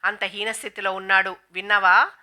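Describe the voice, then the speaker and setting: A woman's voice: mid-range voice, little pitch movement, fairly quick, pushed and bright. A woman reading as a gloating, mocking rich woman. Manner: taunting, gloating. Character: proud, mocking wealthy young woman.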